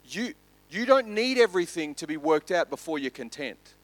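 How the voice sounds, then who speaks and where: Male pastor, sermon delivery, emphatic with wide swings in loudness. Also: on the high side, sing-song, no echo. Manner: emphatic, rising loud on lists, dropping soft and slow on key points.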